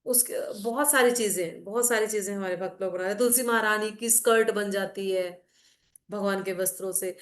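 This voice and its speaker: A woman's voice: medium pitch, steady tone, moderate pace, roomy sound. A middle-aged woman teaching a devotional class in a casual, conversational way, explaining with anecdotes and asides. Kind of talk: casual Hindi class talk mixing English.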